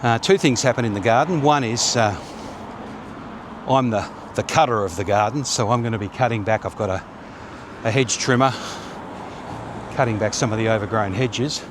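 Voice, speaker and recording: Medium-pitched and moderately paced, a fifties-aged Australian man chats rambling and filler-heavy while walking a quiet suburban street in the sun. The walk-and-talk vlog is filmed on a phone or action camera at arm's length, with background noise.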